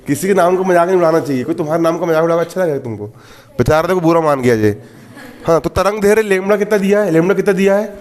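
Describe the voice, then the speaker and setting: High-voiced science teacher drilling students. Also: male voice, darkish tone. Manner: repeats questions to the class and answers them himself; joking asides to students. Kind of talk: exam-prep lesson.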